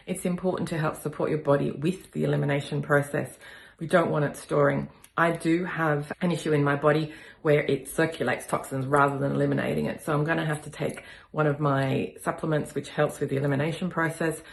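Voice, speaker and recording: Low-pitched woman, gravelly voice, has a cold, calm explaining tone, echoey room. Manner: calm, explanatory, counts slowly. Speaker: kinesiology practitioner. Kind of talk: demonstration with instruction.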